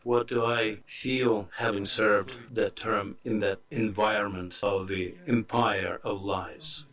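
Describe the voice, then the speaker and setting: A man speaking as a live interpreter, voicing a speaker's testimony in the first person with earnest, measured phrasing. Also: fairly low pitch, fairly even intonation, a bit bright.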